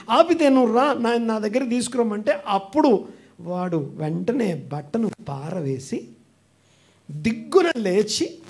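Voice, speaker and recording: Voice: mid-range voice, vocal fry, a little mellow, husky. A pastor preaching a sermon emphatically and calling on the congregation to repeat phrases back.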